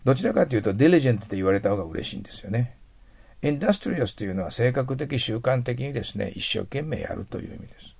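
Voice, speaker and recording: A man's voice: mid-range voice, lively intonation, fast talker, creaky, a little mellow, breathy edge. A middle-aged man teaching an English vocabulary lesson, patient and explanatory, often trailing into a near whisper at the ends of phrases.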